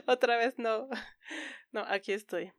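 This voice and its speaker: A woman's voice: a little high, measured pace. Giggly woman co-hosting a casual podcast. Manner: giggly, frequently laughing. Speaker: podcast co-host.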